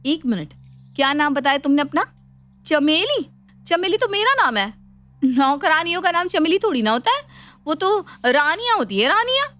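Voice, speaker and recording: A woman's voice: high-pitched, sing-song, moderate pace, bright, forceful tone, pitched above the performer's own voice, exaggerated voice. A woman voicing a young daughter-in-law who answers back firmly and argues, in a cartoon story. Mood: argumentative. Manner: firm, argumentative.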